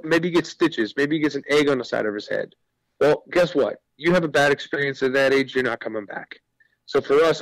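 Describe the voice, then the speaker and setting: A man with a medium-pitched voice is a guest on a radio interview, pitching his business in an earnest, informal, conversational way. The recording is rough and has no room sound.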